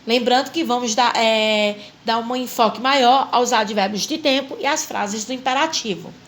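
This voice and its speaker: A woman's voice: on the high side, normal speed, a bit bright. A Portuguese-speaking woman teaching an English grammar lesson to a class, patiently spelling out rules step by step and repeating them.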